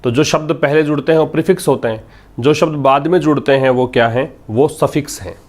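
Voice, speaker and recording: A man's voice: a little high, fairly quick, darkish tone. Man, English tutor, explains word meanings patiently, repeats key words. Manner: explains patiently, repeats key words, asks and answers his own questions. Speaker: English teacher. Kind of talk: vocabulary lesson explaining a newspaper article.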